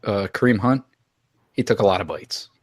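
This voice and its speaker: A young man with a lowish voice hosts a comedic fantasy football chat, gloating over his win and hamming it up with mock drama. His voice is close and dry, with no room sound around it. He talks in a theatrical, trash-talking way. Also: moderate pace, no echo. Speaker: podcast host.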